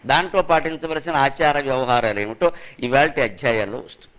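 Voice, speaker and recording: A man's voice: medium pitch, fairly bright tone. Emphatic man giving a discourse. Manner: emphatic rhetorical questions, chants verses slowly. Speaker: spiritual speaker. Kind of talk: religious discourse.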